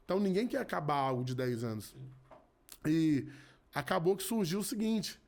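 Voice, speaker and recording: A man's voice: on the high side, lively intonation, moderate pace, vocal fry, a little mellow. A man in his thirties, a podcast guest giving an earnest personal testimony in casual chat, often restarting and repeating his words. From Rio de Janeiro. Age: 30s. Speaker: podcast guest, gospel musician.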